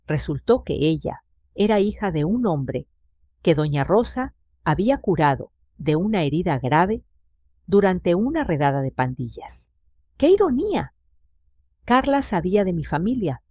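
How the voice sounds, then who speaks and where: A woman tells a dramatic story of her own life with a husky, breathy edge in her voice. Her delivery is emotional and storytelling, and the sound is close and dry, with no room around it. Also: sits low, darkish tone, dry recording. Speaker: narrator. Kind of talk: dramatic first-person story narration.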